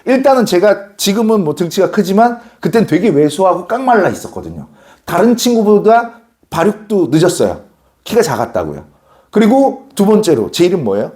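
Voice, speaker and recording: A man's voice: sits high, very animated, fairly quick, dark tone. A middle-aged man who teaches social studies, telling a personal story in class and acting out the quoted voices in it. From South Gyeongsang, Korea.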